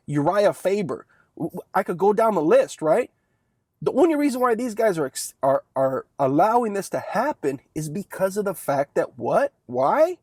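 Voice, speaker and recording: A man's voice: high-pitched, big pitch swings, moderate pace, darkish tone, dry recording, studio quality. A young man talking through a casual one-take sports monologue, rambling and chatty and often tagging lines with "right?". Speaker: sports commentary vlogger.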